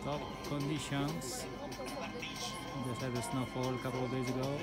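A man skiing outdoors on a high glacier, giving a quick upbeat snow report in short, clipped phrases while filming on an action camera, a little out of breath. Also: fairly even intonation. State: slightly out of breath from effort. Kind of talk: casual on-the-go commentary. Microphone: handheld or helmet action camera. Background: loud guitar music.

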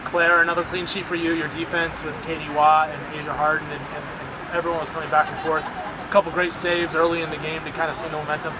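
A man hosts a postgame interview, asking conversational questions. His voice sits a little high. Loud outdoor background noise runs under him. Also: little pitch movement, fast talker. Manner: conversational, chatty. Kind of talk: postgame press conference hosting. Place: outdoors at a soccer field.

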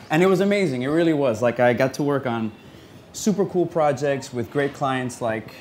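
A young man from New York City giving a personal talk to an audience in an earnest, conversational and excited way. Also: mid-range voice, a little hiss or hum. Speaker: conference speaker.

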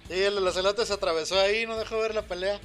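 A man's voice: high voice, fast. A man with a Mexican Spanish accent casually commenting while playing a fighting game on a live stream, chatty and slangy, laughing at his own jokes. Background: game music.

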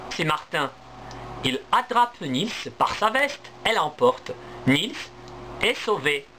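A man, a language teacher, reading a story aloud for learners in a clear, deliberate, expressive way. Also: a little high, a little hiss or hum.

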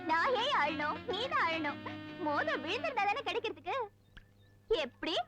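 A scheming, mocking young heroine. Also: female voice, very high-pitched, very animated, moderate pace, over loud music. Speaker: film heroine. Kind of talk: 1990s film comedy acting.

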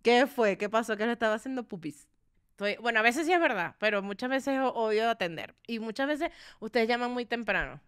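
A woman with a Venezuelan accent hosting a podcast, chatting in an animated, joking, slangy way. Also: fairly high pitch, a little fast, clean tone, no echo, clean studio sound. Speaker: podcast host. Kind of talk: casual chat.

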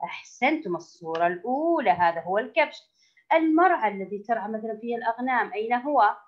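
A woman teaching a first-grade language lesson, asking the children questions, praising their answers and drawing out key words slowly. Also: on the high side, expressive. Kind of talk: recorded classroom lesson for young children. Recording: dull lo-fi recording.

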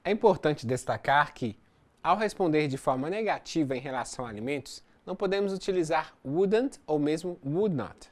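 An English teacher recording a distance-learning lesson, explaining step by step and reading example sentences slowly. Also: medium pitch, animated, darkish tone.

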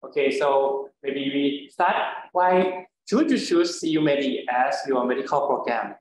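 A man's voice: mid-range voice, unhurried, heavy reverb, a little hiss or hum, poor audio. A man, a faculty doctor, presenting an online information session with frequent fillers and restarts.

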